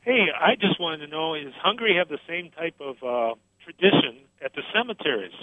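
A man's voice: a little high, lively intonation, a little fast, dry recording. A man from Florida calling in to a radio talk show, sharing a travel memory in an earnest, chatty way over a clipped telephone line. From Florida, USA. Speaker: caller. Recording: tinny dry phone line.

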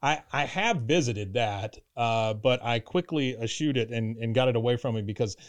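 A man in his fifties hosts a relaxed podcast chat at a middling pitch. He rambles, stops and restarts his sentences as he works toward a question. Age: 50s. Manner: rambling, halting, many restarts. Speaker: podcast host.

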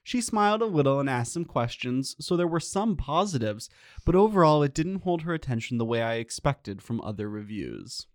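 Male host, mid pitch, deadpan jokey review reading, dry close sound. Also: moderate pace, no echo. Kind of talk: casual chat and reading aloud.

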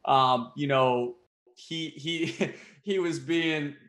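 A man's voice: a little high, drawn-out words, fairly bright tone. A young man, a baseball player, chatting casually in an interview and breaking into laughter often. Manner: laughs often while talking. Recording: roomy echo.

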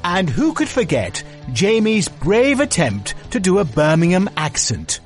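A man hosting quiz rounds and linking clips, announcing briskly. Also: sits high, huge pitch swings, soft background music. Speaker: quiz master and narrator. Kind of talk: game show hosting.

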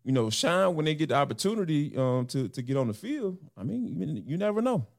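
A man co-hosting a casual sports podcast, talking in an animated, slangy way and joking with his partner. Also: a little high, a little fast, gravelly. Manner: animated, slangy banter with laughs. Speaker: podcast co-host.

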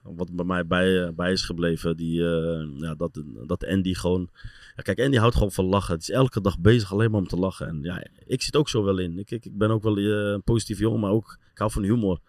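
A middle-aged man, telling football stories in casual talk and acting out scenes with a voice that jumps high as he laughs. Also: fairly quick, hardly any pauses, dry recording, studio quality. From Netherlands. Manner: animated storyteller, voice rises high when acting out scenes, laughs often. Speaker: former footballer and assistent coach telling stories.

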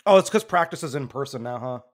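A man's voice: mid-range voice, lively intonation, fast. A man hosting a casual sports podcast, talking in a rambling, self-correcting way while losing his voice. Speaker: podcast host.

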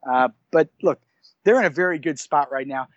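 A man with a slightly high voice reports on college football recruiting in a casual podcast chat at normal speed, rambling, correcting himself and restarting often. He has hiccups, and the recording is lo-fi with no room sound.

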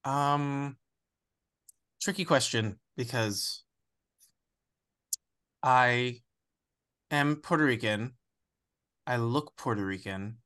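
A young man from the United States, an actor giving a candid, reflective interview, often pausing and restarting as he searches for words. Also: medium pitch, a bit bright, smooth.

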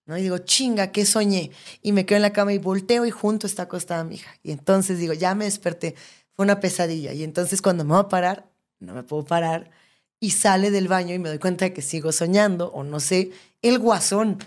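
Mexican woman, 30s, podcast co-host, animated casual storyteller, salty language. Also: fairly low pitch, quick pace.

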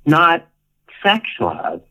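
Older woman, interview guest, very lively pitch, theatrical, playful, laughing storyteller. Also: very slow, poor audio. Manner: playful, theatrical, laughs often, acts out quotes. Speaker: guest, retired performer.

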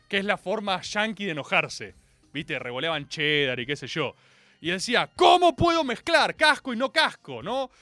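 A man's voice: high-pitched, pushed and bright, no room sound. A man with a Rioplatense Argentine accent hosting a radio show, telling a comic monologue in slangy, theatrical storytelling. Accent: Rioplatense Argentine Spanish. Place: radio studio.

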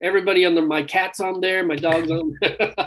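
A guest singer being interviewed speaks in a high, fairly bright voice with a steady tone and a fairly quick pace. His casual chat is rambling and chatty, and he often says "dude." The recording quality is low.

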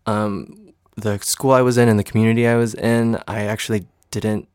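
A Michigan-raised man in his twenties, a stage actor and singer, talks casually about his life as an interview guest, hesitating, restarting and filling gaps with ums. His fairly low voice is level, mellow-ish, clear and resonant at a moderate pace. The recording is dry and close with no room echo.

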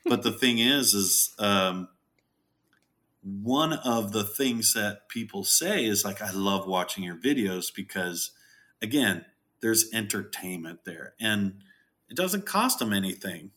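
A middle-aged man talks casually as a guest, jokey and animated. His voice sits fairly low but rings bright and forceful. He throws himself into quoted lines. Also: slow pace. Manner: jokey, animated, acts out quotes with big pitch jumps. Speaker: farm owner, podcast guest. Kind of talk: casual interview chat.

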